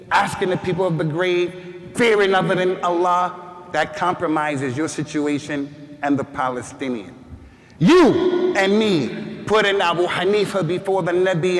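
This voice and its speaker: Emphatic man preaching in an echoing mosque. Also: high voice. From United States. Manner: emphatic, repeats words, rises to shouts. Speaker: imam giving a Friday sermon. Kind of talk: Friday sermon. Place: mosque hall. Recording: long hall reverb.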